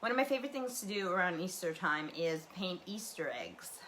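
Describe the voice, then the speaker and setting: Speaking quickly and expressively, a prairie Canadian woman rambles through her home livestream in a low, slightly bright voice. Her thoughts hop around, peppered with fillers and restarts, and a faint ambient hum lingers behind the webcam mic.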